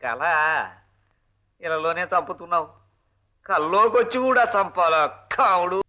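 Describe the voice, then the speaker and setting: A high-voiced, sarcastic henpecked husband mutters insults and barks for silence in an old film comedy. The sound is dull and lo-fi, like an old movie soundtrack. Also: male voice, animated, measured pace. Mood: exasperated. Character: grumbling henpecked husband, a college lecturer. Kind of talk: 1980s film comedy dialogue.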